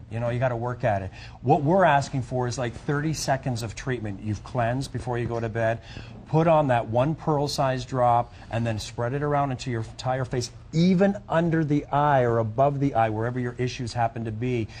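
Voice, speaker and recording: A middle-aged man giving a home shopping host's sales pitch, chatty and repetitive, urging listeners directly. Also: darkish tone, slight background noise.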